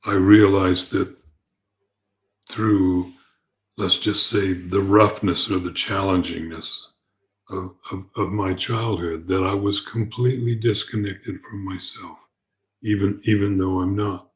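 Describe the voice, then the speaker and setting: Male spiritual teacher, low register, calm gentle delivery, reflective and halting, off the cuff. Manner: halting, repeats words as he goes. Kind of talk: unscripted spiritual talk.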